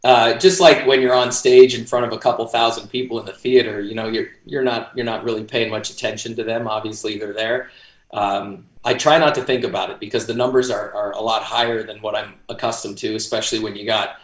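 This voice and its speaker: A man's voice: lowish voice, level tone, a little fast. A man in his forties talking casually as an interview guest over a roomy, echoey video call. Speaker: interview guest, boxing ring announcer. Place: small home office, indoors. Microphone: video call, computer mic at desk distance.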